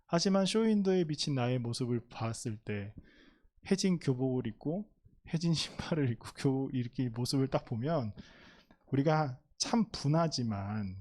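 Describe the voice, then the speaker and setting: A man's voice: mid-range voice, darkish tone. A young man preaching a youth sermon, telling stories and asking the listeners rhetorical questions. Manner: addresses listeners directly, storytelling with rhetorical questions. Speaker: youth pastor.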